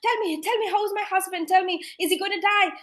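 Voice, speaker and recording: A woman acting as a frantic, pleading wife. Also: a bit bright. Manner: pleading, rapid, high-pitched.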